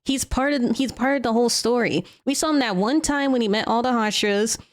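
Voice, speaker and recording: A woman giving casual reaction commentary in a halting way, often repeating and restarting her phrases. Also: fairly high pitch. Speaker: reactor streamer.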